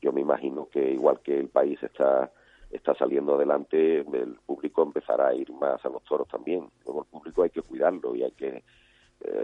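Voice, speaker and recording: A man's voice: extremely low pitch, creaky, breathy edge, no echo. A man, a cattle breeder answering interview questions hesitantly, often repeating words. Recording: dry, phone-like line.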